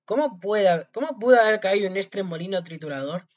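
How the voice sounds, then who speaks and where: A man doing a tiny cheeky shouting boy. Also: expressive, fairly quick, very echoey, big-room sound, far from the mic. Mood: lively. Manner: high, shouting. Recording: dull lo-fi recording.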